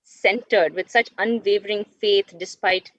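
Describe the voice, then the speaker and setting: A woman's voice: medium pitch, fairly even intonation, unhurried, no room sound. A woman in her thirties from Dubai, telling her personal story earnestly and reflectively as an interview guest. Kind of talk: personal testimony. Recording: dull, dry lo-fi stream audio.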